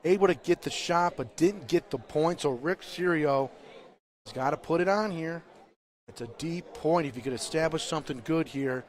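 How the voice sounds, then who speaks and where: A man calling a bocce final live, talking through the options calmly and then erupting with excitement when a shot lands. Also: a little high, normal speed. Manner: calm explaining, then loud excited bursts on big shots. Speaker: play-by-play commentator. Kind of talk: live sports commentary. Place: indoor bocce court.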